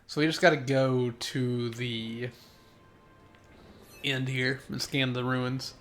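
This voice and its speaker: A man's voice: mid-range voice, level tone, slow pace, a bit bright, soft background music. A young man streaming a game live, chatting with viewers, rambling and correcting himself as he goes, sneezy today. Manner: chatty, reads chat aloud, rambling self-corrections. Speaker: gaming streamer. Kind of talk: live gameplay commentary.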